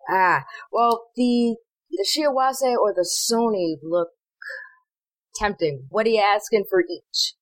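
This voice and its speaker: A woman's voice: mid-range voice, no room sound. A woman playing a tabletop game, chatty and hesitant, with many fillers. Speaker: player. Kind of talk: casual tabletop play.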